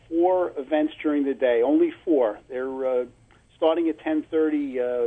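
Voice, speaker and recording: A man's voice: on the high side, husky. A man with a Brooklyn accent answering questions as a phone-in guest on a radio interview. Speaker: phone-in guest, trade show organiser. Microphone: phone call. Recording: narrow, muffled phone line on radio.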